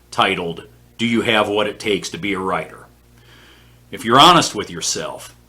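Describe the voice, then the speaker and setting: A man's voice: fairly low pitch, pushed and bright. A man in his fifties hosting a writing-advice vlog from his home office, blunt and scornful, swearing now and then. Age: 50s. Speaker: author and vlog host.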